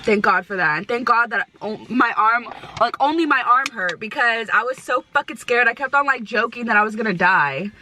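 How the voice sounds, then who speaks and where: Soft music sits under this young American vlogger's casual talk to camera. Her voice is a little high, pushed and bright, moving fairly quickly through slangy, profane, emphatic stoner chatter full of repetition.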